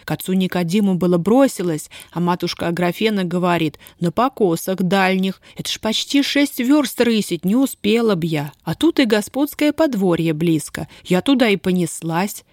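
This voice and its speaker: Женщина играет испуганную молодую крестьянку, которая всхлипывает и умоляюще причитает. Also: female voice, fairly low pitch, lively intonation, normal speed, few pauses, darkish tone, no room sound, studio quality. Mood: tearful. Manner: sobbing, pleading, folk speech. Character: frightened, tearful young peasant girl.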